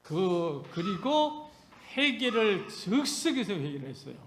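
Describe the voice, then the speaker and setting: A man preaching a Sunday sermon with a high-set voice for a man. He talks emphatically, pushing hard on key words, then dropping into quiet asides to the congregation. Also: big pitch swings, measured pace, a little hiss or hum. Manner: emphatic, swings between loud rebukes and soft asides. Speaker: pastor.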